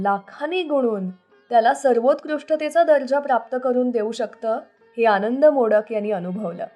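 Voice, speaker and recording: Narrating scripted tales of old songs, this woman radio host speaks in a fairly high, slightly mellow voice. Background music plays beneath her throughout.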